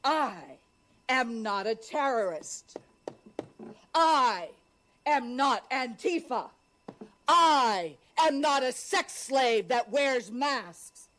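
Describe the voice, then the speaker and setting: A woman's voice: sits high, lively intonation, drawn-out words, fairly bright tone, slight background noise. An older woman from the United States making solemn, emphatic declarations in a protest speech. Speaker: citizen speaking at a public meeting.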